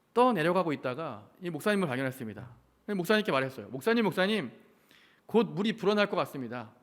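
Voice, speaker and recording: Korean pastor telling a sermon story. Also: male voice, fairly high pitch. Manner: storytelling with acted quotes and rhetorical questions. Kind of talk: sermon at a midweek prayer service. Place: church.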